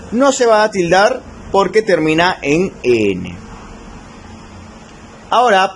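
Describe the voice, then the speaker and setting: A man teaching a recorded spelling lesson, slowing down to stress key rules and checking in with his students. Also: high voice, slight background noise. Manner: slow, stretched emphasis on key rules, frequent check-ins. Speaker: language teacher.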